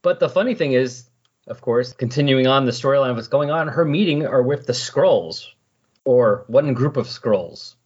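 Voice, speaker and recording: A man with a medium-pitched, expressive voice, darkish in tone with a breathy edge, talks at a moderate pace. He's a podcast host giving a casual, rambling comic-book recap, animatedly paraphrasing characters' dialogue in offhand asides. The recording sounds dull and lo-fi.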